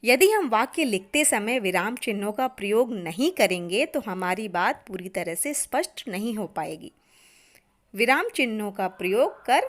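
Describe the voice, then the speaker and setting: An Indian woman teaching an online grammar lesson to children, speaking deliberately and often addressing the class. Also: mid-range voice, fairly bright tone.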